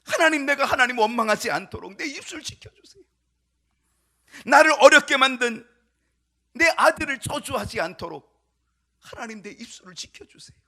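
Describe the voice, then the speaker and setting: A man's voice: very high voice, animated, moderate pace, pauses often, bright, forceful tone, voice pushed up, heavily acted. A male preacher voicing a distressed old king who cries out in prayer and complaint, pleading and heated.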